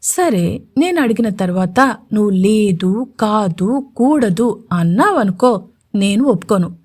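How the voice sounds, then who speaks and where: A woman's voice: medium pitch, lively intonation, a little slow, a little mellow. A woman voicing a playful, teasing young male CEO who keeps pressing his sweetheart, insistent and mischievous.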